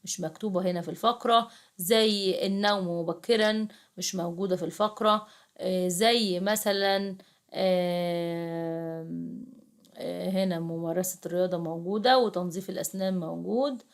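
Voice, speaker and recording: A woman's voice: on the low side, steady tone, moderate pace. A young adult woman with an Egyptian accent, tutoring second graders in a chatty, coaxing way and speaking straight to her pupils. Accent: Egyptian Arabic. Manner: chatty, coaxing, addresses pupils directly, frequent restarts. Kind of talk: casual classroom explanation.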